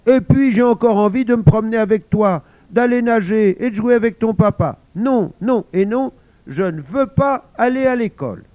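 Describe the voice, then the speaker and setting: A man's voice: high-pitched, lively intonation, moderate pace, dry recording, voice pushed up. A man voicing a grown-up mother who sulks and whines like a child about going back to school, in a storybook reading. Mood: sulky. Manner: whiny, pouting. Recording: dull lo-fi recording.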